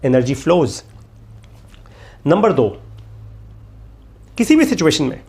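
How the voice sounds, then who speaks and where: Man, middle-aged, motivational course instructor, emphatic, repeats himself, fairly high voice. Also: sing-song, takes it slowly, a little mellow. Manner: emphatic, repeats key lines, mixes English phrases. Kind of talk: energetic motivational talk.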